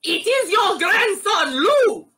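A woman voicing a young male hero who shouts taunts at a giant king in an outrageous fake French accent. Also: very high-pitched, big pitch swings, slow pace, pitched above the performer's own voice, full character voice. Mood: mocking. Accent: outrageous put-on French accent. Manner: shouted, mocking.

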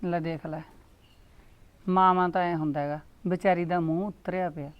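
A woman's voice: on the low side, fairly even intonation, moderate pace, lo-fi sound, close to an everyday voice. A middle-aged woman playing a chatty, meddling village aunty who coaxes and advises her neighbors. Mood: musing. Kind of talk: village comedy skit acting.

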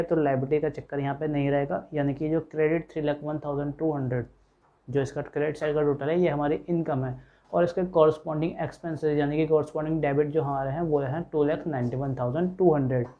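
A man's voice: on the high side, highs cut off. A man teaching an accounting lecture, explaining step by step and voicing his students' questions himself. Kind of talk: classroom lecture.

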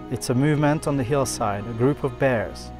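A man's voice: mid-range voice, normal speed, music in the background. A man in his thirties reading scripted travel narration in a nature documentary style.

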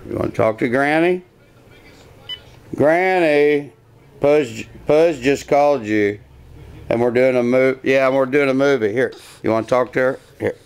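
An older grandfather talking slowly and repetitively to a toddler, coaxing him in a casual home video. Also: medium pitch, clean tone. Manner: slow, repetitive coaxing talk to a small child.

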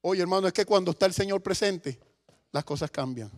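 A middle-aged man with a Venezuelan accent preaching a sermon in a church, impassioned, swinging between loud bursts and hushed asides. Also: high voice, brisk. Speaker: pastor. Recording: echoey church hall.

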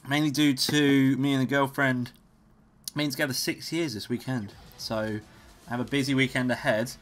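A man's voice: mid-range voice, steady tone, moderate pace, fairly bright tone. A young man hosting a let's play, giving casual, rambling gameplay commentary and swearing freely. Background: game music.

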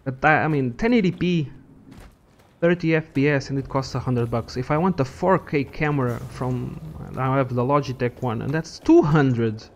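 A young adult gaming channel host narrates gameplay in casual commentary, his mid-range voice at normal speed. He rambles, swears and thinks out loud as he plays.

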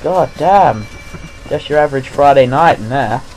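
A man's voice: medium pitch, animated, moderate pace, darkish tone, poor audio. A young man hosting his gaming channel, giving jumpy, profanity-filled commentary while playing a horror game. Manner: jumpy, swears constantly, panicky outbursts.

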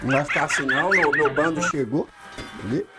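A young Brazilian man casually commenting on his own gameplay, excitable, swearing and yelling during fights. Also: a little high, brisk, very noisy. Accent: Brazilian Portuguese. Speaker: gaming YouTuber.

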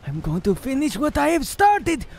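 A man's voice: very high-pitched, wildly swooping pitch, normal speed, a little mellow, a little hiss or hum, full character voice. A man playing a menacing serial killer in online game role-play, making theatrical, stilted villain declarations. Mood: aggrieved. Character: menacing, melodramatic male live-streaming serial killer.

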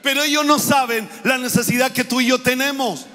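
A male pastor, preaching a fervent sermon that keeps repeating and building to shouts. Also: very high-pitched, fairly even intonation, brisk, long reverb tail. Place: church.

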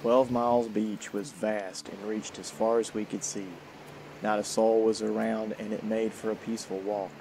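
A man reading a calm, reflective scripted voice-over for his hiking vlog. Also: on the low side, moderate pace, vocal fry. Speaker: hiking vlogger. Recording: voice-over with music behind.

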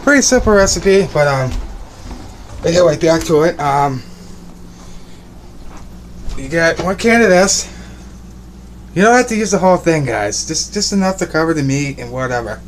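A young man's expressive voice, on the high side, moves at normal speed but with long pauses as he rambles upbeat through a home cooking vlog, repeating himself. He holds the phone at arm's length in a small kitchen and bedroom, and there's slight background noise.

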